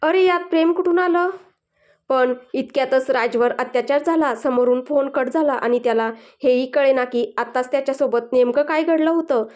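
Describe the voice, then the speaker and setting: A woman reading a romantic story aloud as a storyteller, gentle and even. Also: high voice, moderate pace, few pauses. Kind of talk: scripted story narration.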